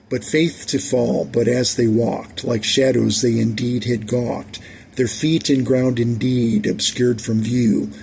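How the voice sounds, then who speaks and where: A tired middle-aged man reading his own poetry in a measured, deliberate way, with frequent restarts. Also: mid-range voice, creaky, a little mellow, a little hiss or hum.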